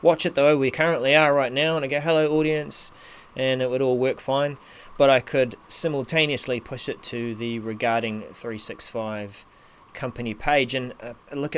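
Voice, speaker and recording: A man co-hosting a casual tech show, hesitant and thinking aloud. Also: medium pitch. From New Zealand. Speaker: co-host of a live tech show. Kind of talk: casual unscripted tech chat. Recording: noisy, rain drumming on roof behind. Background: heavy rain on the roof.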